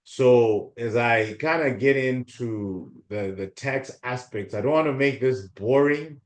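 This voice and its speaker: A guest speaker, a man in his forties from Zimbabwe, gives an informal workshop talk over a video call in a mid-range, unhurried voice. His delivery is hesitant, with many ums and restarts, and the audio sounds reverberant.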